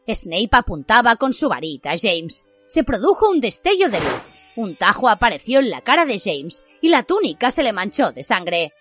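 Woman narrating an audiobook, lively pitch, dry close sound, bit of music behind. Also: normal speed. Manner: expressive storytelling. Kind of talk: scripted fiction narration.

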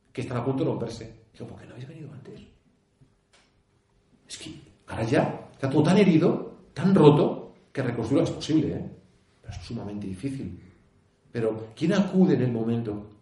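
Castilian priest, conference speaker; earnest, halting restarts, mellow tone, echoey hall. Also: male voice, medium pitch. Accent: Castilian Spanish. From Spain. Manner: earnest, frequent restarts, rhetorical questions and tag "¿eh?". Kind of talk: conference talk.

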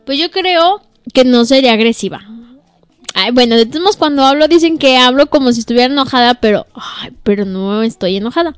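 Blunt-talking woman, smooth and dry. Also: sits high, lively intonation, fairly quick, dry recording, faint music behind. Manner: blunt, emphatic, laughs often. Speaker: co-host. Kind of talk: casual chat.

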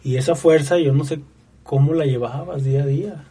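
A man asking gentle, brief questions in a casual interview. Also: on the high side, brisk, husky, recorded from a distance.

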